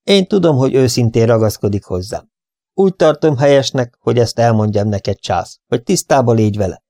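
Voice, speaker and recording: A man's voice: mid-range voice, lively intonation, mellow, no room sound, studio quality, close to an everyday voice. A man reading an audiobook, voicing a stern and blunt old aunt over 60.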